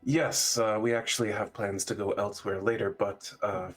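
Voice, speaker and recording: A man voicing a polite adventurer who talks in a measured, courteous way. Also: on the low side, steady tone, faint music behind, lightly acted. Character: calm, polite adventurer traveling with a crew.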